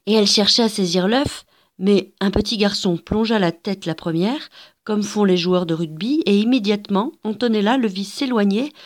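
A woman reading a story aloud with a measured, gentle narration. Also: mid-range voice.

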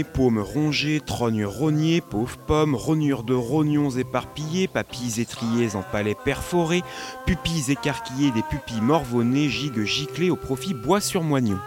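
A man's voice: medium pitch, darkish tone. A man reciting rhythmic spoken-word poetry in clipped, short bursts of wordplay.

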